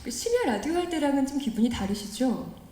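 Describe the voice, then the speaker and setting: Lively woman hosting, public radio style. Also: sits high, fairly quick. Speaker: press conference host. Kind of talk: polite, cheerful event hosting like a public radio host. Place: indoor press conference room. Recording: roomy event hall with background noise.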